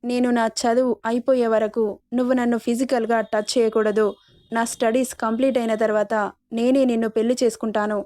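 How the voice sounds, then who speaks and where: A woman's voice: a little high, level tone, fairly quick, dark tone, dry recording, studio quality, close to an everyday voice. A woman voicing a defiant young woman student. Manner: firm, pleading.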